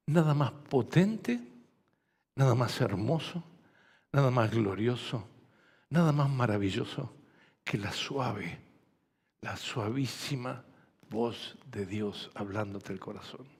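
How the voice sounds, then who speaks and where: Pastor, male, Rioplatense accent, husky gravelly voice, gentle sermon that builds to fervent preaching, long hall reverb. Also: medium pitch, takes it slowly, pauses often. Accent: Rioplatense Spanish. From Argentina. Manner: gentle and soft, rising to loud fervent preaching. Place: church hall.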